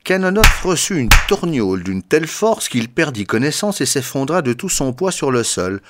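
A man reading a comic story aloud as narrator, expressive and lively. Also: moderate pace, very noisy. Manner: expressive reader, lively pitch.

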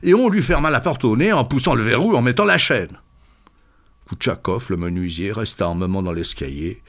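A man reading short absurdist stories aloud with expressive, lively storytelling. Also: on the low side, moderate pace. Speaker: reader.

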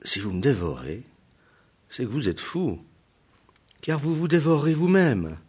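A fearless young hero from a spoken folktale, gentle and composed, as a man reads him out. He speaks softly and slowly through a slightly husky voice. Nothing rattles his quiet certainty. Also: medium pitch, very animated, voice pushed up. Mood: serene. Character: calm fearless young male hero, serene.

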